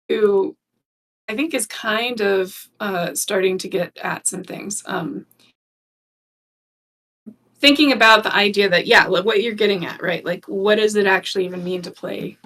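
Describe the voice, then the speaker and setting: A woman's voice: medium pitch, fairly bright tone. Chatty woman heard from a distant mic. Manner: chatty, laughs while reading posts aloud. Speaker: podcast co-host. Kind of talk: casual discussion stream.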